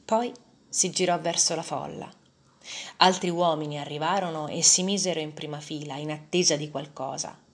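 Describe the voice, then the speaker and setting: A woman reading a first-person story aloud in a measured, dramatic way. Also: low-pitched, fairly even intonation.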